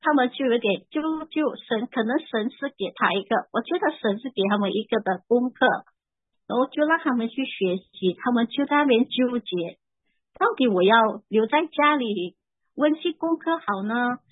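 A woman in her forties giving an earnest, emotional personal faith testimony, halting and repeating her words as she tells it. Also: fairly high pitch, lively intonation, husky, dry recording. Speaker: church member giving testimony. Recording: tinny phone-like dry sound.

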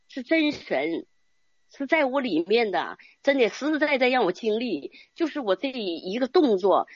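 A woman's voice: a little high, slightly rough, dry recording, muffled recording. An older woman giving an earnest, rambling religious testimony, often ending phrases with little tag particles. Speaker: church member giving testimony. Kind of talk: casual spoken religious testimony.

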